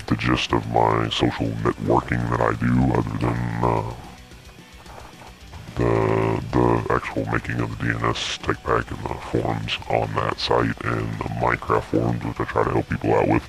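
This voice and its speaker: A man's voice: rumbling low, creaky. A man talking through a voice changer as an interview guest, hesitant, with many restarts and fillers. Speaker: interview guest, modpack creator. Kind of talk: casual interview.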